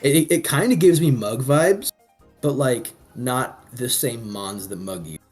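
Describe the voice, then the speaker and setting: A man's voice: medium pitch, unhurried, soft background music. A man co-hosting a casual commentary show, rambling with frequent restarts. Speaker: co-host.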